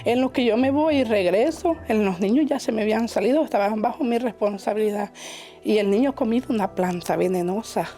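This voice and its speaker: A woman from Honduras, giving a personal testimony in church in an emotional, halting way, often repeating her words. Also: fairly high pitch, mellow.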